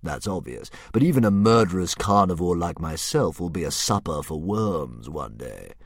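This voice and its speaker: Huge gloating storybook dragon, put on by a man reading: very deep, slow, hissing menace, dry close mic. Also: animated, no echo. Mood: menacing. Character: huge, sneering, menacing philosophical male dragon.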